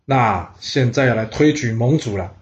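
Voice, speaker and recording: A man's voice: mid-range voice, lively intonation, moderate pace, natural voice. A man voicing a proud, stubborn ancient duke who insists on his rank, in a storytelling reading, on a dull lo-fi recording. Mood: formal. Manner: indignant, insistent.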